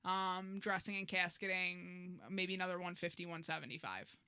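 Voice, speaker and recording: A woman's voice: fairly low pitch, fairly even intonation, normal speed, bright, forceful tone, clear, resonant tone, dry recording, clean studio sound. A woman co-hosting a podcast who talks in an earnest, reflective way, thinking aloud with fillers. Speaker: podcast co-host, embalmer. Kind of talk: casual podcast conversation.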